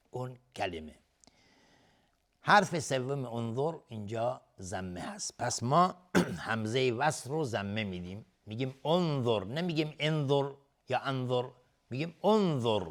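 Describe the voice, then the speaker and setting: A man teaching Quran recitation, talking through the rules at a medium pitch. He explains one point at a time in a steady teaching voice and breaks off now and then to chant a word slowly. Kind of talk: tajweed lesson with chanted recitation.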